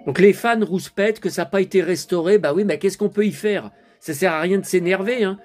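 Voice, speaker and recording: A vlogger gives a chatty running commentary while watching a DVD, constantly turning to his viewers with tag words and muttering to himself when flustered. His voice is high-pitched and fairly quick, with soft music playing in the background.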